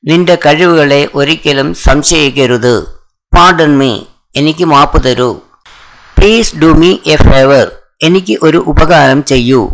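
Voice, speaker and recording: Male English tutor, Malayali accent, unhurried sentence-by-sentence drill. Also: fairly high pitch, low-quality recording. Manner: reads each English sentence slowly, then the translation faster. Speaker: English teacher. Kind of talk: slow sentence drill with translations.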